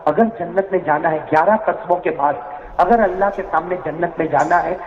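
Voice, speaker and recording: High-voiced man preaching with wailing emotion. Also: fairly even intonation. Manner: calls on the crowd to answer, wails and cries out in the story. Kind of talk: emotional sermon storytelling. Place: gathering before a crowd. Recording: echoey hall, dull lo-fi with faint noise.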